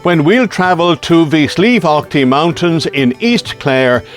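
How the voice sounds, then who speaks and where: A man hosting a local TV show, reading a formal introduction in a measured way and then asking interview questions. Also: fairly high pitch, faint music behind. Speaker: TV show host.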